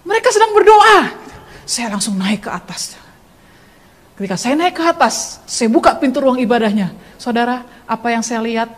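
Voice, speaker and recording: A young woman giving a dramatic church testimony, telling her story with lively storytelling and speaking straight to her listeners. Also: on the high side, moderate pace. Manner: animated storytelling, addresses listeners directly, acts out scenes.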